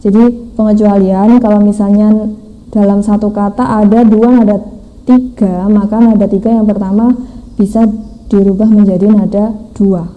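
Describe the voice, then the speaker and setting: A woman teaching a language class, explaining slowly step by step and mixing in English phrases. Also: medium pitch, fairly even intonation, narrow, tinny audio. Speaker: Mandarin teacher. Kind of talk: online language lesson.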